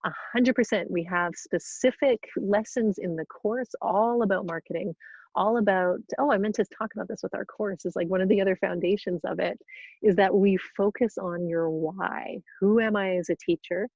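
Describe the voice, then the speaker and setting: A woman's voice: mid-range voice, moderate pace, creaky, a little mellow, husky, no echo, dull audio. A woman hosting a casual live Q&A webinar, chatting in a bubbly way with frequent restarts and laughter. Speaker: yoga teacher trainer hosting a webinar. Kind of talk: casual live Q&A, reading questions aloud. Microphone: video call.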